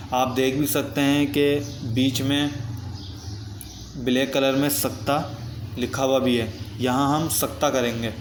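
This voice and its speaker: A man teaching Quran recitation rules, explaining each rule patiently and step by step, repeating points so they stick. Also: medium pitch. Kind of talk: step-by-step tajweed lesson. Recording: echoey room with faint background noise.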